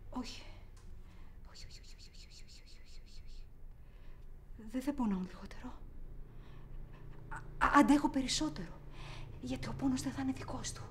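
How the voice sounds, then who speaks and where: A woman's voice: sits high, long pauses, a bit bright, slight background noise. A woman playing a haunted young abuse survivor. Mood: hushed, haunted. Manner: obsessive repetitions swinging between whisper and outburst. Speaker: actor. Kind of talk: theatrical monologue.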